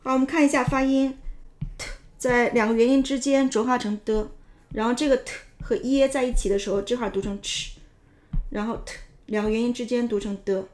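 Woman language teacher, higher pitch, patient step-by-step explainer, casual filler sounds. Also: steady tone, fairly quick. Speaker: English teacher. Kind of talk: explaining English grammar and pronunciation in Mandarin.

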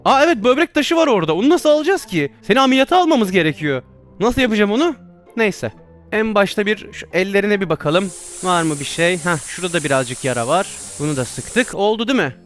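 Excitable high-voiced man narrating VR chaos. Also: fast talker, faint music behind. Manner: excitable, exclaiming and laughing at his own mishaps. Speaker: VR gameplay streamer. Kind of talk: casual gameplay commentary.

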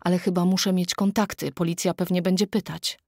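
A woman's voice: on the low side, little pitch movement, fairly quick, darkish tone, no echo, clean studio sound. A woman narrating an audiobook, voicing a worried, defensive young husband in clipped, urgent lines. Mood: tense. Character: young adult man, anxious, defensive husband.

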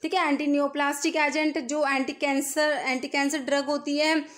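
A woman's voice: sits high, flat delivery, moderate pace, a bit bright. A woman teaching pharmacy exam questions over a screen recording, explaining each answer and repeating key terms. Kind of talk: screen-recorded MCQ lesson.

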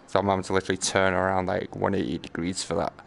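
A game streamer gives casual live commentary in a low, creaky, flat voice at a racing pace. He's slangy and swears, muttering to himself and then bursting into exclamations.

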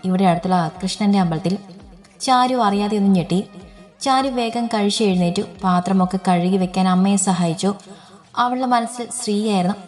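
A woman narrating a romance story in a steady, gentle storytelling manner. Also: on the low side. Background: faint music.

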